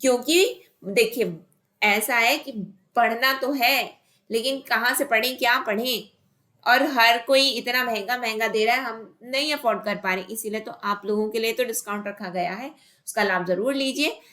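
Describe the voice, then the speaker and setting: Woman teacher doing an online lesson, with words thrown in, bright sharp voice, asks stuff then answers it. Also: on the high side, normal speed. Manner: explains by asking and answering her own questions. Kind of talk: online exam-prep lesson.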